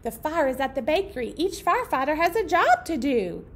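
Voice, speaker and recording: Her voice high-pitched, sing-song and fairly bright, a children's librarian in her thirties moves at a fairly quick clip through storytime for young children and their parents. She speaks simply in an indoor meeting room, with clear background noise present.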